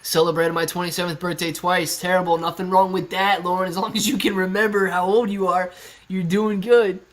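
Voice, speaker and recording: This thirtyish stock livestream host, sitting in his living room, reads chat aloud in a laid-back, chatty way and laughs often. His slightly high, fairly bright voice is delivered flatly and briskly. Audio comes from a laptop on a kitchen stool at eye level.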